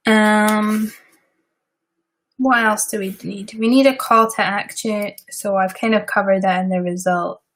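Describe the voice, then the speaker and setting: A woman's voice: mid-range voice, fairly even intonation, a little slow, a bit bright. A Scottish woman who designs websites, talking casually and rambling through a live work session with many asides. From Scotland. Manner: chatty and rambling, with frequent fillers and asides. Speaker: web designer hosting a live stream.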